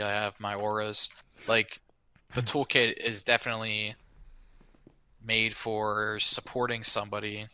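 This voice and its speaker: Crisp, bright-voiced man as a podcast guest. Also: fairly low pitch, no room sound. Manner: steady and explanatory, rambling with "you know" and "like". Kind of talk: casual interview talk.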